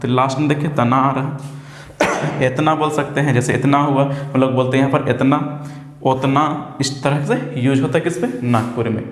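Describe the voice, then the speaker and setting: A man's voice: medium pitch, steady tone, a little hiss or hum. Man teaching in an echoey room. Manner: asks questions and answers them himself, drawn-out example words. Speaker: exam-prep teacher. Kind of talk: casual explanatory lesson. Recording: echoey room with long reverb.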